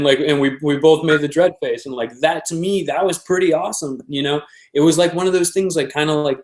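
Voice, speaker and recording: A man's voice: mid-range voice, echoey room, low-quality recording. A man guesting on an interview, chatting casually about his prop making, rambling with lots of fillers and restarts.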